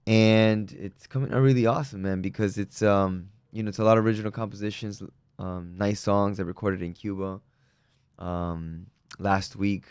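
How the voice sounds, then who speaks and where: A young Peruvian musician chats casually in an interview, relaxed and upbeat, with lots of fillers. His lowish voice is smooth and moves at a moderate pace, recorded at studio quality with no echo.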